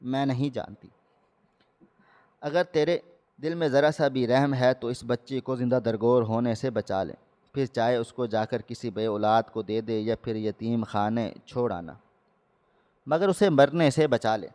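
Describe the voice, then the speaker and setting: A kindly old midwife in a storybook tale, pleading tearfully, as a male narrator reads her. The plain mid-pitched voice carries a long reverb from the room. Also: darkish tone, natural voice. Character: kindly frightened old village midwife woman.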